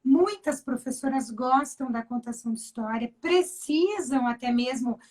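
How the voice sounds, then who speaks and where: A woman with a high voice hosts a casual live interview. She talks with enthusiasm and often tacks a quick question onto the end of her sentences. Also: darkish tone, poor audio. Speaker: host of a live stream for teachers.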